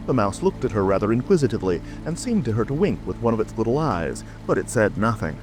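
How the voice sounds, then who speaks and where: A man's voice: fairly low pitch, very animated, fast talker, darkish tone, rough recording. A man narrating a scripted storybook as a dramatic audiobook reading. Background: music, rain ambience.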